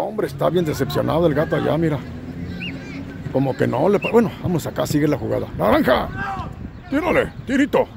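A man with a Mexican accent calling an amateur soccer game outdoors at a local field, with a cold, shouting encouragement at the players and joking with himself. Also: mid-range voice, vocal fry, background noise. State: has a cold. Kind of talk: excited play-by-play commentary.

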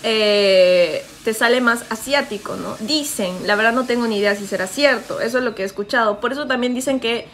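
A woman's voice: fairly high pitch, fairly quick, hardly any pauses, fairly bright tone, slight background noise. Chatty Peruvian streamer woman. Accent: Peruvian Spanish. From Peru. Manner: chatty and joking. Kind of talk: livestream chat, reading comments aloud.

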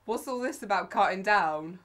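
A young woman plays a loud, cheeky seventeen-year-old girl, full of slang and teasing. Her voice sits mid-range, and a steady hiss runs under the recording. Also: mid-range voice, moderate pace, close to an everyday voice. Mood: brash.

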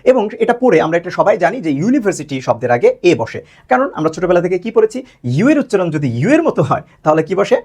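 A man's voice: high-pitched, sing-song, darkish tone. A man with a Bangladeshi accent teaching a grammar lesson, quizzing viewers with questions and answering them himself. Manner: drawn-out stressed example words. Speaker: English teacher.

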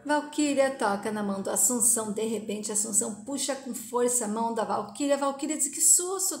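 A woman's voice: on the high side, darkish tone, a little hiss or hum. Brazilian woman retelling a soap episode. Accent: Brazilian Portuguese. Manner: plain running retelling. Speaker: soap opera recap narrator. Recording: echoey room.

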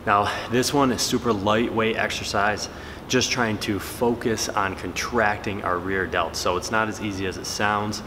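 A fitness vlogger and trainer in his thirties chats casually to his camera between sets in a big, echoing gym hall, relaxed and full of filler words. His voice is fairly low and moderately paced, picked up by a camera-mounted mic on a stand over noticeable background noise.

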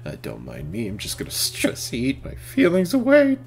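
A young man narrating a home cooking video as a voice-over, with deadpan asides and sudden bursts of exasperation. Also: mid-range voice, normal speed, gravelly, breathy edge. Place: home kitchen.

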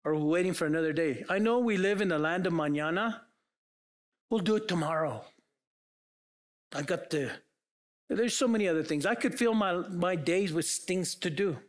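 A man's voice: high-pitched, a little fast. A man preaching a sermon as pastor, earnest and full of rhetorical questions put to the congregation. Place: church.

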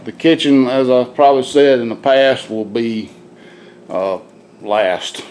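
A man's voice: mid-range voice, fairly even intonation, slow, darkish tone. A middle-aged man walking a camera through his gutted farmhouse, giving a casual, rambling tour of the renovation with plainspoken, drawled phrasing. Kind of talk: casual walkthrough narration. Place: gutted old wooden farmhouse rooms, indoors. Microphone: handheld camera, filming while walking.

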